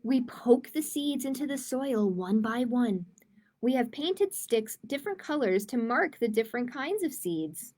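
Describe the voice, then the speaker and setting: An adult woman reads picture books aloud expressively for young children in a live-streamed library storytime she hosts, making informal asides to viewers along the way. Her voice sits on the high side and is animated, a little slow and a little mellow.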